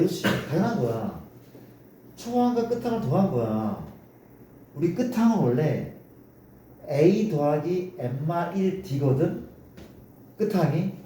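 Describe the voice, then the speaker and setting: A male math teacher with a fairly high, warm voice lectures his class, coaxing the students and constantly asking them to confirm they follow. The recording is echoey, from a distant mic, with faint noise.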